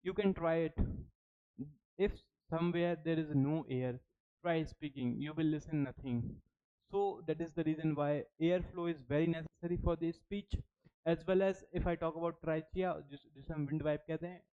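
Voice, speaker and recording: Indian guy teaching phonetics super slow, clear smooth voice, kinda dull lo-fi audio. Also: fairly high pitch. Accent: Indian English. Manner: slow, deliberate, repeats words to drill them. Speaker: English teacher. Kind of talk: exam-prep phonetics lecture. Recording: dull lo-fi recording.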